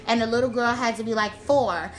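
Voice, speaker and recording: A young woman, a nail technician telling a story in casual chat, animated and acting out quotes. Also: a little fast, over a noisy crowd, low-quality recording. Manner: animated, acts out quotes with big pitch jumps, laughs through lines.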